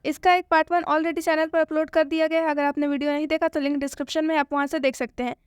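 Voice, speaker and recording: A woman gives a spoken English lesson. She asks questions and answers them herself, and she repeats each point slowly. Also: high-pitched, flat delivery, no echo, clean studio sound. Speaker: English teacher.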